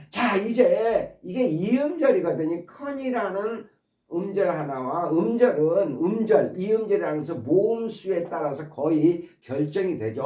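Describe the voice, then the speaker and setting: Animated man teaching in an echoey room. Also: a little high. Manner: animated, with many fillers and restarts. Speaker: English teacher. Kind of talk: casual spoken lesson.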